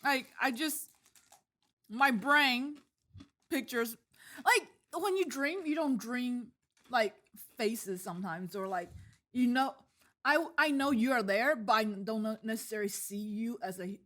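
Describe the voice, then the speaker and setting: A woman's voice: fairly high pitch, a little slow, a bit bright. A young woman co-hosting a casual podcast, giggly and a bit hesitant, with lots of fillers. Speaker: podcast co-host. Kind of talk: casual chat.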